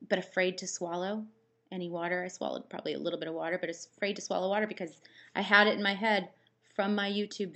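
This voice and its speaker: Give the voice of a woman with a slightly low pitch, talking casually as a vlogger. Her mouth is dry as she recovers from surgery. She rambles through anecdotes and recounts exchanges in a conversational way. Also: fairly bright tone. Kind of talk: casual chat to camera, personal storytelling.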